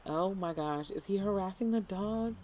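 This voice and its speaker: A young woman chatting casually while streaming a game, animated and playful, slipping into put-on as she talks. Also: mid-range voice, normal speed, slight background noise.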